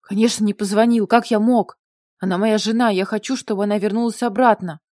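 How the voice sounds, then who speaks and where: A distraught, tearful young husband spills out his words in an agitated, pleading rush, as a woman reader puts him on. The voice stays mellow and warm at the bottom, and the sound is dry and close, like a small recording booth. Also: medium pitch, steady tone, fairly quick, no room sound, close to an everyday voice. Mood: panicked. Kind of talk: audiobook character voice.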